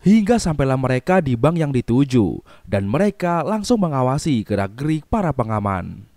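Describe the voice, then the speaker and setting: A man's voice: mid-range voice, big pitch swings, normal speed, music in the background. A man narrating a scripted film recap.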